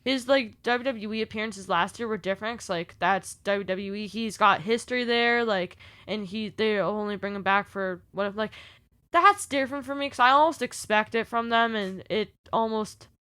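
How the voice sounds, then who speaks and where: A woman's voice: medium pitch, moderate pace, a bit bright, no echo. A woman co-hosting a wrestling recap podcast, reading through segments with sarcastic, exasperated asides. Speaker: podcast co-host. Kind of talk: casual wrestling recap chat.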